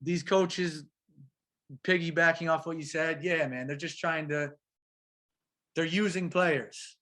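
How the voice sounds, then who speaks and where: At a measured pace and with a fairly high voice, a professional soccer player talks as a guest in a casual interview. His delivery is animated and slang-heavy, and he keeps calling the host "bro" and "man."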